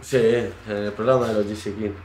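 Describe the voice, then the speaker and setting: A man in his twenties, a barber, chatting casually while shaving a client in his small shop, in short relaxed phrases. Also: lowish voice, normal speed. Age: 20s. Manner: relaxed, modest, talks in short trailing phrases. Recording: roomy shop echo, faint noise.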